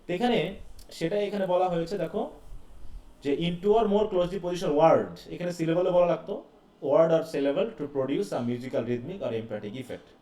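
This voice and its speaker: A man's voice: a little high, lively intonation, a little slow, dark tone. Male teacher in an echoey classroom. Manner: explains step by step, asking students questions. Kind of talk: live class lecture. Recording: echoey classroom heard from a distance.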